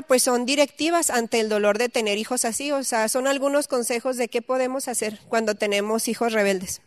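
A woman's voice: a little high, no echo, studio quality. A woman teaching a Bible study, reading scripture aloud and then explaining it conversationally with questions to her listeners.

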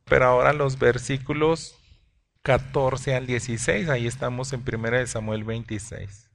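A man preaching a sermon, often addressing the congregation as brothers and pausing to restart his words. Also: medium pitch, steady tone, gravelly, fairly bright tone. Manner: addresses listeners as brothers, with frequent hesitations and restarts.

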